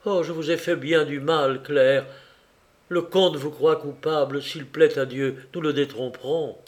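A man's voice: a little high, fairly even intonation, unhurried, close to an everyday voice. A man voicing a remorseful young nobleman while reading a novel aloud, lifting his voice slightly for the part. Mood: earnest.

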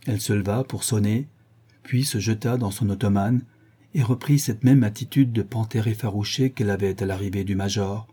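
Man, audiobook narrator, literary reading, very dark voice, husky. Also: lowish voice, normal speed.

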